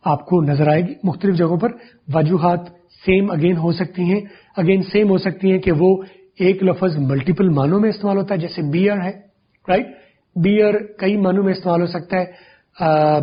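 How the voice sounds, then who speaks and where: A man with a high, husky voice gives a patient pronunciation lesson. He repeats each word and sound slowly, over and over, to demonstrate it. The recording is dull and lo-fi. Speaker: English pronunciation teacher. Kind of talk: classroom-style explanation.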